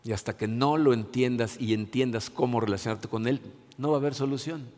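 A man's voice: medium pitch, a little fast, a little mellow. A middle-aged male pastor, giving an earnest, conversational sermon full of restarts and repeated words. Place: church. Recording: long hall reverb.

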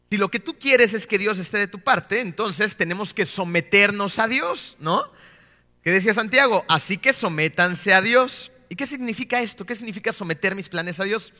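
A man in his thirties, a pastor, preaching a sermon full of rhetorical questions and often slowing down to stress his key points. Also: high voice, bright, forceful tone, big-room sound. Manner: rhetorical questions with frequent tag "¿no?".

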